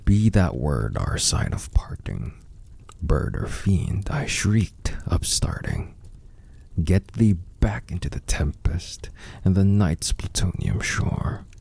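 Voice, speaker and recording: A man giving a dramatic, brooding recitation of gothic poetry in a gravelly, breathy rasp, drawing out words theatrically. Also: low voice, very animated, slow, darkish tone, no room sound. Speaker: poetry reader.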